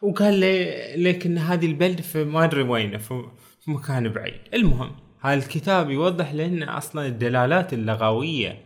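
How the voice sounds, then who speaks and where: A man with a Bahraini Arabic accent talking casually through a book, reading verses slowly and adding joking asides. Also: on the high side. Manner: chatty, quotes verses slowly, jokes aside. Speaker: book reviewer. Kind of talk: casual spoken book talk.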